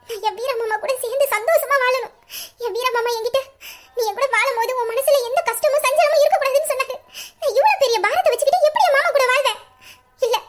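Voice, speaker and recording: Woman playing a tearful young bride-to-be, very high. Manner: pleading, voice breaking into sobs. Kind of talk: Tamil audio drama acting.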